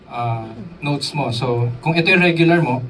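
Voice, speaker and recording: Casual and mid-range in pitch, a man running a live drum workshop speaks at a moderate pace. He peppers the audience with questions and switches into English terms along the way, his voice picked up from a distance with drums in the room.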